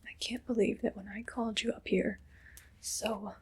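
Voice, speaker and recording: In a whispered ASMR roleplay, a woman plays an evil queen who is haughty and condescending. Her breathy, mid-range voice moves slowly and stays level in tone, dripping with disdain and disgust.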